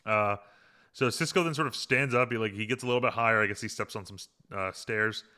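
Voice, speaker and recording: Guy chatting about a tv episode, bright tone, lots of uhs and restarts. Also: on the low side, brisk. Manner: rambling, many restarts and fillers, reads out quotes. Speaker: podcast host. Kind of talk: casual episode recap chat.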